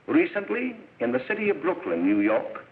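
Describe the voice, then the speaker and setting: A man's voice: on the high side, huge pitch swings, normal speed. A man acting a stern middle-aged lecturer in an old 1930s film, speaking in a solemn, declamatory way to a meeting. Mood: grave. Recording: tinny old film soundtrack, crowd behind.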